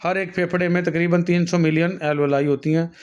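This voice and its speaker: A man's voice: on the high side, fairly even intonation, brisk, a little mellow, smooth, muffled recording. A man giving a patient classroom lecture on anatomy, talking students through diagrams, often calling them "beta", with frequent fillers and self-corrections. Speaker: nursing and health teacher.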